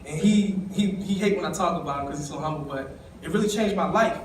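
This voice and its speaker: A fast-talking young man from East Baltimore, high-voiced, gives a personal storytelling speech at a summit, speaking emotionally and conversationally right to the crowd. He is recorded from a distance in a reverberant conference hall, with a faint room hum in the background.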